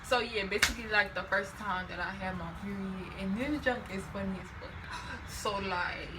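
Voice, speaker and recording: A young woman vlogger telling a casual storytime, animated and profane, filling her talk with "like". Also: medium pitch, moderate pace. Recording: distant mic with clear background noise.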